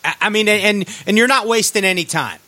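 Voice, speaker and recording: A man hosting a fishing show in a casual, slangy, excitable and joking way. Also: high voice, brisk, no room sound. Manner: excitable, jokey, says dude often.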